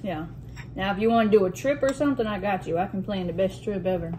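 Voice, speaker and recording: A woman with a medium-pitched voice chats casually while eating soup, in the relaxed talk of a mukbang host. Cutlery and dishes clink in a noticeably noisy recording, and she pauses now and then to clear her throat. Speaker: vlog host reading out questions. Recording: noticeable room noise with dish and cutlery clatter.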